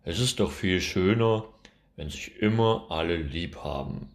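A man's voice: low-pitched, a little slow. Storybook friend: timid, kind, soothing male, as a man puts him on. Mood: pleading.

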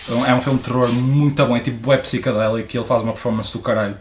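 A man's voice: mid-range voice, fairly even intonation, racing, slight background noise. Young Portuguese guy in a roomy space. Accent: European Portuguese. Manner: crude jokes, mixes in English. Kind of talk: casual podcast chat.

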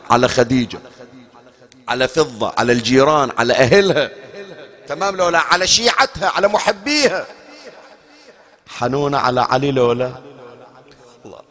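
A man's voice: medium pitch, fairly bright tone. A man delivering an emotional mourning sermon as a preacher, slipping into chanted lament.

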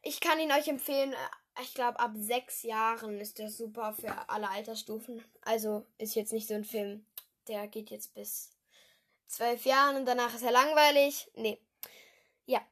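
A teenage girl from Düsseldorf talks on her own casual podcast, her voice pitched high. She rambles and corrects herself, dropping giggly asides. She speaks into a simple home microphone. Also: fairly even intonation, moderate pace, fairly bright tone. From Düsseldorf, Germany. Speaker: podcast host. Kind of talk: casual solo film-review podcast.

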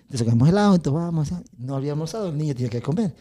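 Fast-talking Ecuadorian coach, dark voice. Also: male voice, a little high. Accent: Ecuadorian Spanish. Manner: acts out dialogue, laughs often, quick and lively. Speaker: athletics coach. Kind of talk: animated storytelling in an interview.

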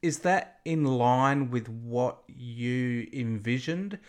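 A man's voice: mid-range voice, takes it slowly, clear, resonant tone. Man, podcast host, long winding questions, casual interview.

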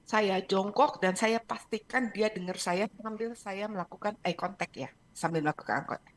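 Middle-aged woman coach on a radio show; animated storyteller who code-switches into English. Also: mid-range voice, moderate pace. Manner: lively storytelling, sprinkles English phrases. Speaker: parenting and emotion coach, guest. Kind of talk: radio talk show interview.

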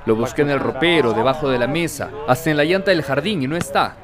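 A man's voice: fairly high pitch, quick pace, crowd noise, natural voice. A man playing a worried father who calls out for his missing son in a radio drama. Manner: calling out, searching.

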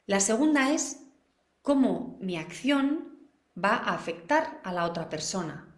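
A woman's voice: medium pitch, very animated, a little slow. Woman teaching parents in an echoey room. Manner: practical, posing questions to the audience. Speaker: parenting educator. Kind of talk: live online class.

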